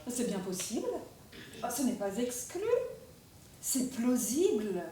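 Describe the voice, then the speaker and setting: A woman's voice: on the high side, very animated, slow pace, warm tone, recorded from a distance, a little hiss or hum. An actress playing a polite lady who exclaims in affected amazement in a stage play. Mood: amazed, polite. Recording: echoey room, miked from afar.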